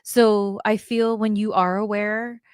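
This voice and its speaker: A woman's voice: mid-range voice, flat delivery, takes it slowly, clean tone, no room sound, studio quality. A woman guest chatting on a video call, rambling and full of "like". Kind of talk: casual chat.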